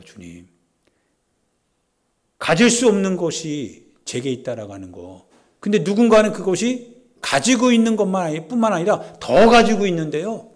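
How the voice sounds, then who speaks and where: A man pastor giving a Sunday sermon in a church service, talking conversationally and swinging from loud pleading to hushed asides. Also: fairly high pitch.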